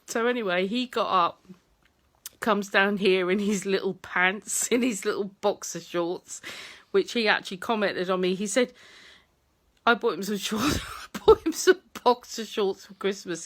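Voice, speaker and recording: A woman's voice: mid-range voice, a bit bright. A woman telling a story to camera from her front room at home, laughing often and swearing freely. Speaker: vlogger.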